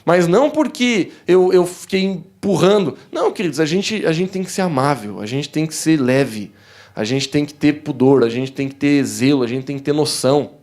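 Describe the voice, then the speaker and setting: A young man preaching to his congregation in a church hall, with a southern Brazilian accent. His voice sits a little high for a man, and he talks to the room in a warm, chatty way. When he tells a story he acts out the voices in it. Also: animated, moderate pace. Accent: southern Brazilian Portuguese. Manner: warm, conversational preaching, addressing the congregation as "queridos". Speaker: pastor. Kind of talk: sermon.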